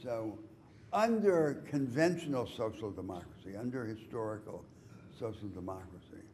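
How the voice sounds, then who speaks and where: A man giving a university lecture in a lecture hall, explaining in a measured, deliberate way with emphatic rises. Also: lowish voice, lively intonation, a little mellow, a little hiss or hum.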